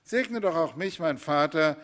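A cheated elder son begging his father for a blessing, read out by a man. The pleading is slow and drawn out, in a raised voice. It sounds like an old scripture story read aloud. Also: a little high, lively intonation, fairly bright tone. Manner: pleading, slow biblical recitation.

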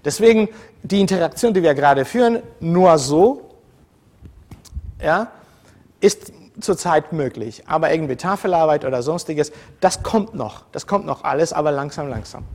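A university lecturer from the former Soviet Union talks informally to his students, drifting off topic in a digressive, conversational way with lots of fillers, restarts and self-corrections. His voice is a little high, expressive and darkish, at a normal speed.

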